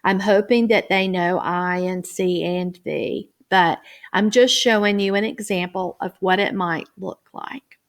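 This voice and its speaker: A woman reading teacher explaining guided reading, slipping into a bright, exaggerated voice when she models talk with young children. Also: mid-range voice, steady tone. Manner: careful, deliberate phrasing. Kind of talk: teacher training demonstration.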